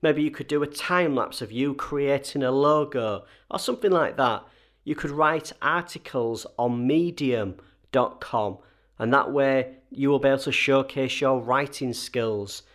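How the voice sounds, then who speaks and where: A man's voice: medium pitch, a little slow. A man with a slightly wheezy, chesty voice, getting over a cold, hosting a conversational solo advice episode with emphatic key points. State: recovering from a cold and chest infection. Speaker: host advising freelancers.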